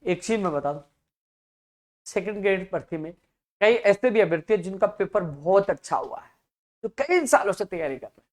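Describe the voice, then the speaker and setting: A man's voice: sits high, animated, normal speed, long pauses. Fervent man firing rhetorical questions. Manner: fervent, rhetorical questions, swings between soft and loud. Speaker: youth activist addressing job aspirants. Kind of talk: impassioned advocacy video.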